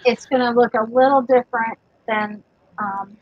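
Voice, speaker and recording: A woman's voice: on the high side, steady tone, normal speed, dry recording. A woman casually talking through a craft demonstration, chatty and rambling with fillers. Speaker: craft instructor. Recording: dull lo-fi dry sound.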